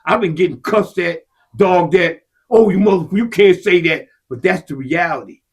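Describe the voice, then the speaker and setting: A podcast co-host argues heatedly in a casual discussion, impassioned and swearing freely. His husky voice sits high and rises to shouts when he presses a point, at a moderate pace.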